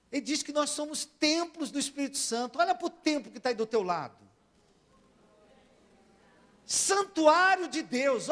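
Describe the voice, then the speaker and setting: In a church, a male pastor from Brazil delivers a sermon, repeatedly calling on the congregation for amens and alternating between soft and loud. His voice is very high.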